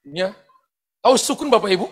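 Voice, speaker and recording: A pastor telling personal stories in a sermon, animated, often shouting out quoted lines and laughing as he goes. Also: high voice, fairly quick, husky. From eastern Indonesia. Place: large church hall. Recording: long hall reverb from church sound system.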